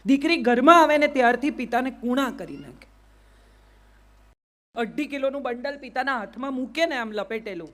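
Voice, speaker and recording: Brief: middle-aged Gujarati woman, high voice, motivational speaker, quizzes the crowd. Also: moderate pace, fairly bright tone. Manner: asks the crowd rhetorical questions, repeats "yes or no". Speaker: public speaker. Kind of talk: motivational speech to a live audience.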